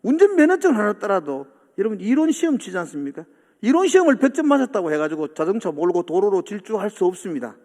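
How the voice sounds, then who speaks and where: A man's voice: high-pitched, very animated, quick pace, a little mellow. A male pastor, preaching a sermon in a church sanctuary and acting out the disciples' complaints. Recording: long hall reverb.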